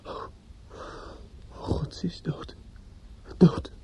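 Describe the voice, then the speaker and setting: In a dull, lo-fi radio play recording, an actor with a mellow voice plays a distraught, bitter young bridegroom-to-be, grieving and obsessive. Caught in shocked disbelief, he speaks haltingly, stammering and repeating himself.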